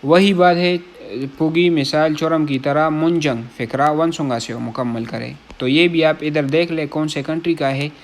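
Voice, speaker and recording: A man's voice: fairly high pitch, steady tone, few pauses. A man from Pakistan, teaching Korean vocabulary in a casual lesson. He reads each word, repeats it, glosses it in Urdu and keeps checking that listeners follow. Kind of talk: casual classroom-style lesson.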